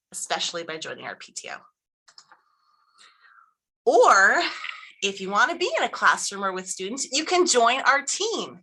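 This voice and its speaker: A woman's voice: medium pitch, pushed and bright, rough recording. A woman school principal giving an upbeat, informative presentation to parents, reading from slides with small restarts.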